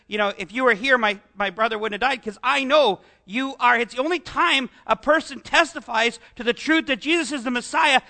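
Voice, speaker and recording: A man's voice: very high voice, pushed and bright. A man preaching a conversational sermon, full of asides and rhetorical questions to the congregation.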